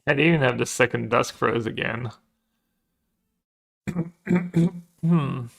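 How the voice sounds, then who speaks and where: Slow, gravelly man thinking aloud. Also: medium pitch, fairly bright tone. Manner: thinks aloud in short, trailing phrases. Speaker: streamer playing a card game. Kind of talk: casual gameplay chat to a live chat.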